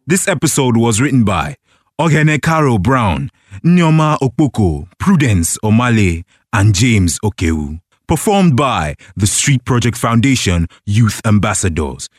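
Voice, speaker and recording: Lively Nigerian man reading credits. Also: medium pitch, measured pace, no echo, studio quality. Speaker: credits reader.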